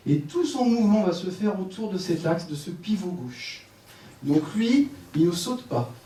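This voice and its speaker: Lively man leading a lecture hall. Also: sits high. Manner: lively, directive, joking with audience. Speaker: sports conference speaker. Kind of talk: live lecture with audience exercises. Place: conference room with audience. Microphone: headset microphone. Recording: echoey room, voice from a distance, faint room noise.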